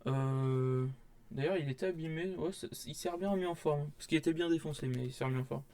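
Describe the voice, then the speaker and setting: A man's voice: fairly high pitch, brisk, darkish tone. A young man, casually rambling through a manga haul vlog with many fillers and restarts. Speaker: manga vlogger.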